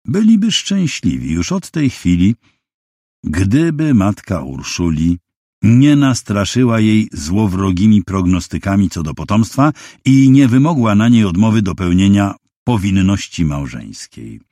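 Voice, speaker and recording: A man reading a novel aloud as an audiobook narrator, measured and expressive storytelling on a close mic. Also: lowish voice, no echo. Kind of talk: scripted literary narration.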